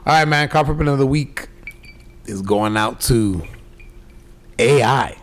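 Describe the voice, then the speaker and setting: A man's voice: medium pitch, unhurried. A man co-hosting a podcast in casual chat. He chimes in with short, easygoing remarks and questions. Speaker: podcast co-host.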